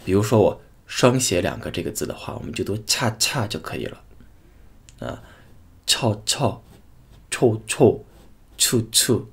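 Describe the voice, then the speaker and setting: Husky-voiced man teaching pronunciation. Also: sits low. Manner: repeats each sound twice, slow drawn-out demonstrations. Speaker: language teacher. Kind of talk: pronunciation lesson.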